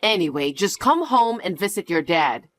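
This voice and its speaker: A woman's voice: lowish voice, very animated, normal speed, fairly bright tone, no echo, soft background music, pitched below the performer's own voice. A woman voicing a frantic guilt-tripping mother. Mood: anxious, pushy. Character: anxious pushy middle-aged mother. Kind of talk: dramatized story narration.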